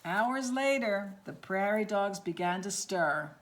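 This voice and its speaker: A woman reading a picture book aloud at storytime, expressive, with asides about the pictures. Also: medium pitch, slow pace. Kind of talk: read-aloud storytime with voices.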